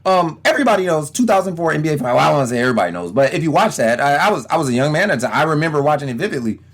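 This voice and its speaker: A man's voice: a little high, lively intonation, racing. A man in his thirties from Detroit, hosting a casual sports podcast, rambling and acting out quoted voices. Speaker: podcast host.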